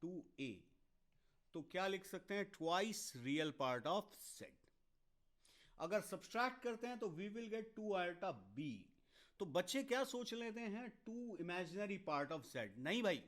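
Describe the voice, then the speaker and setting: A man's voice: sits high, fairly bright tone. A man teaching a maths lecture to exam students, switching between Hindi and English with an Indian accent, working through steps and answering comments from students. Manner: explains step by step, mixing Hindi and English; talks to students directly, quick asides to chat. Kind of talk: online exam-prep lecture.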